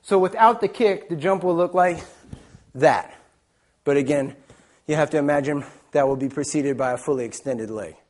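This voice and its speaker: Higher-pitched man giving martial arts instruction. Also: moderate pace, a little mellow. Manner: explains step by step in short phrases. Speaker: taekwondo instructor, presenter. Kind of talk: instructional demonstration talk.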